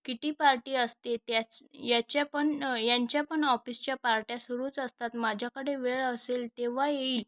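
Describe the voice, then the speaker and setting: A woman's voice: on the high side, steady tone, moderate pace, hardly any pauses, fairly bright tone, no room sound, clean studio sound, lightly acted. A woman voicing a self-absorbed married elder sister who brags and brushes off her family, in a storybook reading. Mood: boastful.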